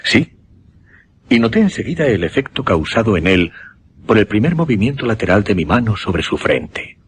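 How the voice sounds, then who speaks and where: A low male voice with slight hiss or hum plays a solemn hypnotist in a Spanish radio drama. Speaking with a Castilian accent, he recounts a macabre experiment, pausing in a measured, dramatic way.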